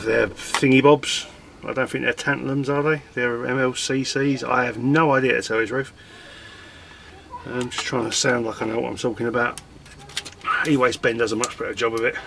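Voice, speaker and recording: Over a noisy background, a scrapping vlogger with a medium-pitched, fairly even voice and vocal fry talks at a normal speed. He chats casually while pulling apart old computers in his garage, mumbling as he works and mocking himself.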